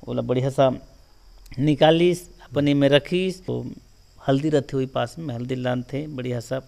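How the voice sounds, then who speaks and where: A man with a Chhattisgarhi accent telling a local folk legend in a casual, animated way, often filling with "jo hai na". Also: mid-range voice, normal speed, vocal fry. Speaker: storyteller guest.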